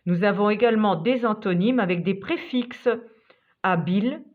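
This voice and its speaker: A woman narrating a scripted vocabulary lesson as a teacher, reading out examples one by one in a measured way. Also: mid-range voice. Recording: tinny phone-like sound.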